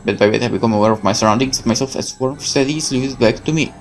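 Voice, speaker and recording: A man with a medium-pitched voice reads fast, faint music behind him, narrating horror fiction from a visual novel as a gaming host. It's dramatic scripted narration: theatrical, intense, with occasional stumbles over words.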